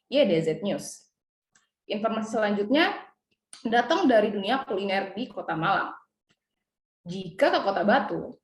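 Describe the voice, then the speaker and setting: A young woman, a journalism student, politely practising news reading and talking through her feedback. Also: medium pitch. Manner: polite, deferential. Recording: roomy echo.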